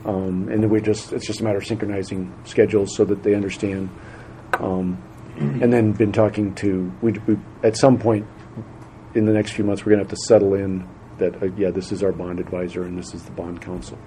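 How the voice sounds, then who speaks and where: Low-voiced man chairing a meeting. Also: flat delivery, dark tone, a little hiss or hum, low-quality recording. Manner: halting, many fillers and restarts. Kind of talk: casual meeting talk.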